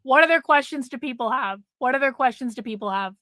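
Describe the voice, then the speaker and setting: The recording is clean studio sound with no echo: a middle-aged woman, her voice sitting high with a sharp tone, talks fast to her livestream chat. She's blunt and casual, swearing freely and repeating herself for emphasis while she loses her voice.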